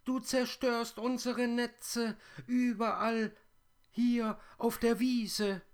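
A man voicing a chorus of tiny wailing spiders in a storybook reading, with a high, whining tone. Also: little pitch movement, extremely slow, full character voice. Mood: scolding.

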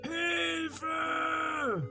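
A storyteller voicing a hurt, helpless older neighbor man who wails high and far-off for help in a children's story. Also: extremely slow, vocal fry, pushed and bright, exaggerated voice. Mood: pained. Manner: pained, wailing cries for help. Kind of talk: storybook reading. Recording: faint music behind.

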